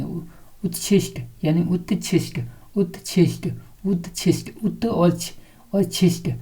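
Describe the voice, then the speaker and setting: Woman teacher, low warm voice, repetitive question-and-answer drilling in an exam prep lesson.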